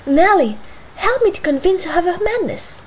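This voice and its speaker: Brief: impatient, scolding mistress, voiced by a woman reader, high and forceful. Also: lively intonation, moderate pace, slight background noise, low-quality recording. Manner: emphatic, scolding. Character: proud young mistress, sharp-tongued, impatient.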